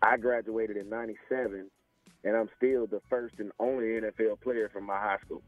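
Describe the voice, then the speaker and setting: A man's voice: fairly low pitch, fairly even intonation, moderate pace, dry recording. A man in his forties from small-town Alabama with a Southern US accent, telling his story casually and often saying "you know.". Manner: conversational, peppered with "you know". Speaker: interview guest, former pro football player. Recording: tinny phone line, faint music.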